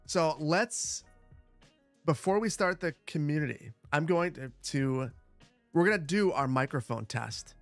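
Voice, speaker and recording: A man hosts a gaming livestream in casual, chatty style, with a boomy sound that sits a little high in pitch for a man. He is close on a broadcast microphone in a dry space, with light music behind him. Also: expressive, a little slow, no room sound. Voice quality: boomy, bass-heavy sound on the mic. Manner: chatty, repeats short phrases. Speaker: livestream host, gamer. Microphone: close broadcast dynamic microphone.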